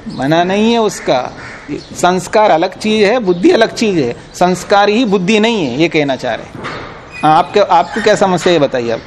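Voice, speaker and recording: High-pitched male teacher lecturing firmly, a faint hiss behind. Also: expressive, moderate pace. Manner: explains patiently, quizzes listeners, firm and insistent. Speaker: teacher of philosophy. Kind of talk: classroom lecture on scripture.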